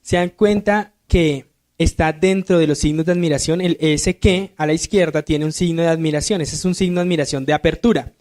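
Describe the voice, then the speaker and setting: A man's voice: fairly high pitch, steady tone, brisk, a little mellow. A man, a deacon, teaching a Sunday school grammar lesson, asking the class questions and answering them himself. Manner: reads verses aloud with rising emphasis. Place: church classroom.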